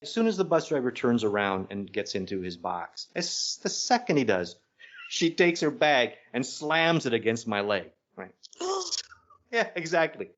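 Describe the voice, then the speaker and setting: A man's voice: medium pitch, a little slow. Man telling a story, dull lo-fi sound. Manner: animated, self-interrupting anecdote telling. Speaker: podcast co-host. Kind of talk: casual storytelling.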